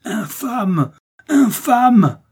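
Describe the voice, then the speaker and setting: A man reading aloud and voicing a cunning noblewoman, icy in denial and shrill when enraged, in a husky, mellow voice. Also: expressive, measured pace. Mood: furious. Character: cunning noblewoman, cold then furious.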